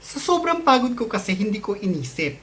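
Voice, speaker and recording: Telling a ghost story casually to camera, a chatty man blends Tagalog and English, full of fillers and restarts. His voice is high-pitched, sing-song, brisk, bright, and forceful.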